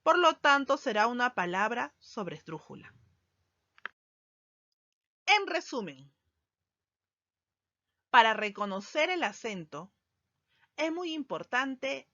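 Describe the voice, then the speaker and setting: Woman teacher, slow deliberate lesson delivery, lo-fi sound. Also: a little high, very animated, pushed and bright, dry recording. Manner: slow, deliberate, stresses key words. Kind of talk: recorded grammar lesson. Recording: dull lo-fi sound, dry.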